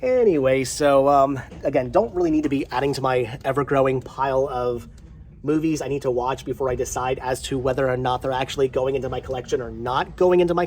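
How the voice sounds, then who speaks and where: This middle-aged vlog host has a mid-range, slightly mellow voice, congested by a head cold. Speaking casually to his viewers, he rambles and keeps repeating himself.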